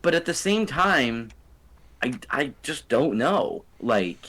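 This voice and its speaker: A man's voice: mid-range voice, very animated, slow, bright, forceful tone, husky. A young man co-hosting a casual podcast chat over a voice call, laid-back and laughing often. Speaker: podcast co-host.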